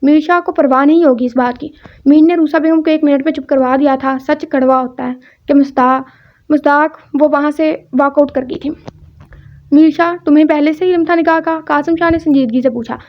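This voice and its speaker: High-voiced woman reading a novel. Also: fairly even intonation. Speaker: audiobook narrator. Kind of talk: reading a romance novel aloud. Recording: dull lo-fi recording.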